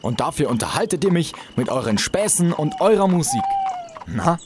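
An actor playing a courteous, world-weary knight with a dry, measured manner in an audio drama. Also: male voice, fairly high pitch, big pitch swings, a little hiss or hum. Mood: courteous, inviting. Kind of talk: scripted audio drama acting.

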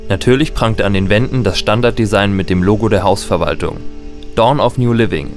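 A man's voice: lowish voice, a little fast, soft background music, close to an everyday voice. An actor playing a nostalgic male tenant who narrates his own story in a reflective way and distrusts new technology. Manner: reflective when narrating, panicked when shouting. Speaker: narrator and lead character. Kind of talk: radio play narration.

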